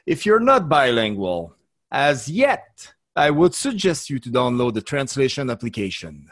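A man's voice: mid-range voice, sing-song, unhurried, no echo, studio quality. A man hosting a casual bilingual podcast, speaking hesitantly with many fillers. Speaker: podcast host.

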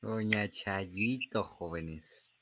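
A young Mexican man runs a podcast and breaks into his guest's story to joke with the audience. His voice sits on the lower side and the sound is dry and close. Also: extremely slow, fairly bright tone, no echo. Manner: playful, interrupts to joke to listeners. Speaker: podcast host. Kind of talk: casual podcast chat.

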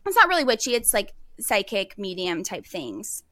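Bright-voiced young woman telling stories. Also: mid-range voice, sing-song, normal speed, no echo. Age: young adult. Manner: chatty, peppered with "like". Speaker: podcast guest. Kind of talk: casual podcast storytelling.

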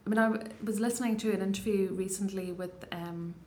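A little fast and somewhat mellow, her medium-pitched voice stays steady over slight background noise. This Donegal Irish-accented poet, in her thirties and from the Donegal Gaeltacht, is an interview guest who answers thoughtfully but hesitantly, with frequent restarts.

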